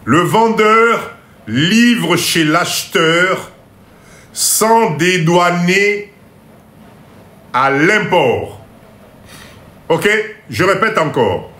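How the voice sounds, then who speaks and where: A man giving a live class on import-export, going slowly, repeating each point, checking that everyone follows, and joking about his own English. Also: sits high, animated, bright, forceful tone, roomy sound. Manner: mixes in Lingala phrases and jokes about his English. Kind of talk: live online lesson.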